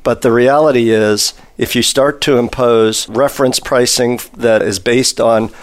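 A man on an interview panel speaking for the industry, thinking aloud in long, winding answers with many pauses. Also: mid-range voice, fairly even intonation.

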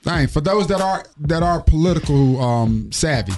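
A man hosting a morning radio show, joking in slangy, animated banter. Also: a little high, normal speed, faint music behind.

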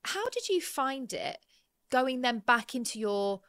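A woman hosting a podcast interview, thinking out loud and murmuring soft agreement while her guest talks. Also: high-pitched, big pitch swings, a little slow, no echo. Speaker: podcast host. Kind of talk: interview conversation.

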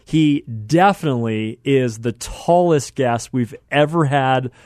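Speaking slowly in a medium, somewhat dark voice, this American radio talk show host chats effusively through the show's introduction and his interviews. He often repeats phrases to stress them. The audio has studio quality and no echo.

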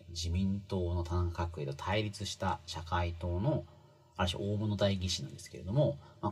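A commentator walks casually through a book's lessons in a lowish, breathy male voice. His chatty explainer is full of fillers, and he leans hard on key phrases.

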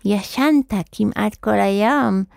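A woman voicing an old, crooked, thin male wizard in a children's storybook, with a muffled, squeaky voice that barely moves the lips and a riddling, drawn-out singsong. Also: gravelly, a little mellow, dry recording, studio quality. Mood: sly, riddling. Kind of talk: storybook character voice.

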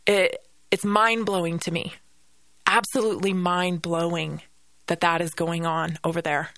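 A woman's voice: on the low side, little pitch movement, unhurried, fairly bright tone, dry recording. A Canadian-accented woman hosting a radio podcast, delivering an indignant opinion monologue and repeating phrases for emphasis.

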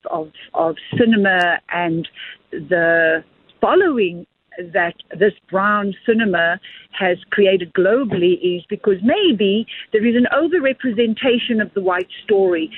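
A woman's voice: mid-range voice, husky, no room sound. A woman filmmaker answering interview questions at length, earnest and expansive, often repeating words as she thinks. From South Africa. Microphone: phone call. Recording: tinny phone line, dry.

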